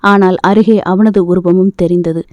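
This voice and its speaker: Woman narrator, audio novel, mellow voice, dry dull lo-fi recording. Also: lowish voice, steady tone, normal speed, no room sound. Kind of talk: scripted narration.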